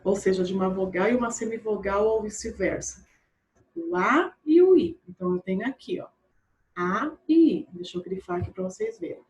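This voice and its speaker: A woman teaching a primary school grammar lesson online, patient. She repeats and spells out words slowly and often checks in with her pupils. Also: medium pitch, darkish tone.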